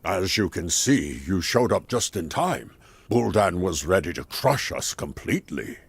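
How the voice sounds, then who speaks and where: An actor playing a calm, wise male mage in a game cutscene, explaining things in a measured way. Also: sits low, gravelly, breathy edge, dry recording, heavily acted.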